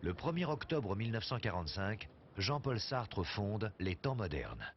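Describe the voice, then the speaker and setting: A man's voice: lowish voice, very animated, normal speed, slight background noise. A man narrating a documentary from a script. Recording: dull soundtrack with faint music.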